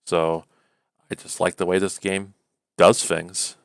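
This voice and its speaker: A man co-hosting a podcast, chatting casually about games in a rambling way, full of fillers and quick laughs. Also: low-pitched, little pitch movement, gravelly, clear, resonant tone, dry recording. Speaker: podcast co-host. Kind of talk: casual gaming chat.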